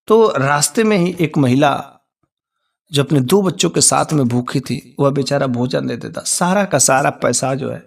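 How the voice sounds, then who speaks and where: A man narrating a devotional story, acting out the characters' voices in animated fashion. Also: medium pitch, moderate pace, vocal fry, distant mic.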